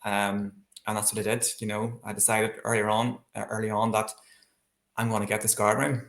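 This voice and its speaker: This landscape painter, a Northern Irish man with a lowish, fairly bright voice and some vocal fry, speaks at a moderate pace with level tone. He's a chatty, enthusiastic guest sharing personal stories in a casual interview, captured in an echoey, roomy space.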